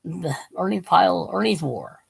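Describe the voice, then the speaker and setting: Hoarse, gravelly man rambling about books. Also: high-pitched, animated, moderate pace, no echo, low-quality recording. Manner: rambling, restarts often, drifts off topic. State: losing his voice. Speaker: channel host. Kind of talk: casual rambling book talk.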